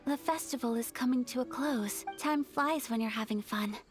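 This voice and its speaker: A woman acts a refined young lady of noble birth in a video game. The voice is high, soft-spoken and courteous, with earnest, formal phrasing. Light music plays underneath. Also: normal speed, natural voice. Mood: wistful. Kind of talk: video game character acting. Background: background music.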